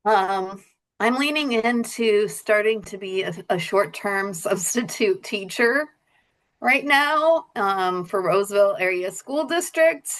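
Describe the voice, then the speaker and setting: A woman's voice: mid-range voice, expressive, slow, fairly bright tone. A woman who works as a substitute teacher, chatting in a casual group check-in, rambling and laughing between phrases.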